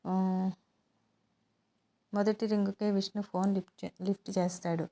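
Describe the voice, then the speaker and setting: A woman hosting her own channel, narrating a serialized love story in an even, unhurried way. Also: medium pitch. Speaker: storyteller host.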